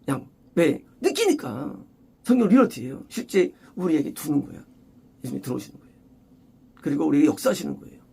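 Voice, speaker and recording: A man preaching an expository sermon as a pastor, emphatic and repetitive, often rising to loud exclamations. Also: fairly high pitch, big pitch swings, quick pace, creaky, husky.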